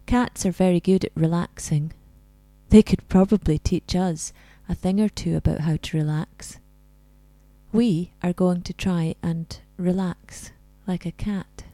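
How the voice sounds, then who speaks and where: A woman leading a scripted guided relaxation in a soft, soothing, breathy spa-like voice that comes close to a whisper. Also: lowish voice, steady tone, unhurried, no room sound.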